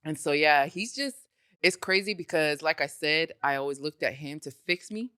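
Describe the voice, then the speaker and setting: A podcast guest tells her story with a bright, forceful voice, slightly low for a woman. She talks casually and animatedly, slipping into voices for the people she quotes. The sound is dry and close. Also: moderate pace, clean tone, no echo. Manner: animated, laughs often, does voices in her stories.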